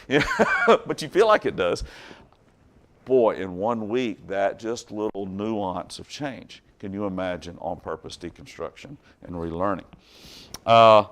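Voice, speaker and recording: A middle-aged man teaching a church Bible class in a chatty, folksy way, with jokes and asides to the class and loudness that swings from loud bursts to quiet stretches. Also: medium pitch.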